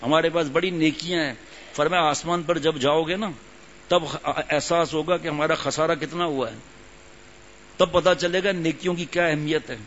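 An older man gives a religious talk in a relaxed, conversational way, circling back to repeat phrases for weight. His voice sits slightly high. The recording is dull and lo-fi, with a faint hum in the background. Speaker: religious teacher. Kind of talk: sermon.

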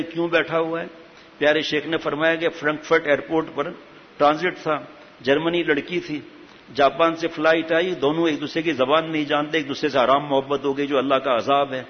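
A man preaching a sermon, telling anecdotes and acting out their dialogue. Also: fairly high pitch. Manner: animated storytelling, acting out dialogue. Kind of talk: storytelling sermon. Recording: echoey hall, dull audio, faint hiss.

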